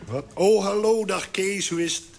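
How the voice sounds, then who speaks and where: A man's voice: high-pitched, moderate pace, creaky. A man playing a hungover, forgetful caller in a comic phone monologue, groggy and chuckling sheepishly. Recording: loud crackle and clicks, old record.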